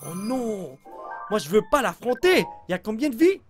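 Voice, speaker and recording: Québécois French man, let's play host, jumpy lively delivery, faint music under. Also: sits high, moderate pace. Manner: excitable, reacts loudly, mixes in English exclamations, addresses viewers. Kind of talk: gameplay commentary.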